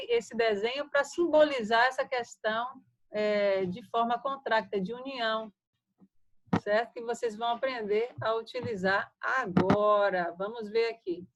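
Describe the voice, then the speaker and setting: A woman's voice: fairly high pitch, a bit bright, lo-fi sound. Patient Brazilian-Portuguese-speaking woman teaching. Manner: patient, explanatory, with frequent checks like "né?" and "certo?". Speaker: English teacher. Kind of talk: online lesson explaining grammar.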